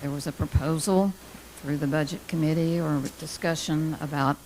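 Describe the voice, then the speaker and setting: A woman giving a deliberate, measured public comment at a meeting. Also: deep voice, steady tone, darkish tone, poor audio. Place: indoor meeting room. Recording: faint room noise.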